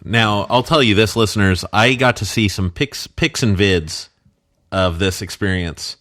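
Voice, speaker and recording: A man co-hosting a casual sports podcast, jokey and animated with exaggerated reactions. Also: lowish voice, measured pace. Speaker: podcast co-host.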